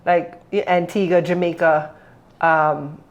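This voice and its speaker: A woman from Trinidad hosts a casual podcast conversation. She talks in an easygoing, chatty way and keeps jumping in with quick agreement while her guest speaks. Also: on the low side, flat delivery, dull audio. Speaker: podcast host. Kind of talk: casual chat.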